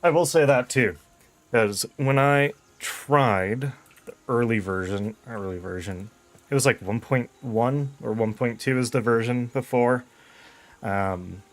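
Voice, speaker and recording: A man's voice: fairly low pitch, slow. A man giving casual game commentary, easygoing and thinking aloud as he plays. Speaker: game streamer.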